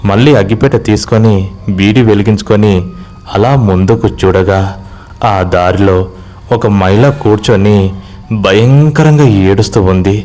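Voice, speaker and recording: A man narrating a village horror story in a steady, measured way. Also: lowish voice.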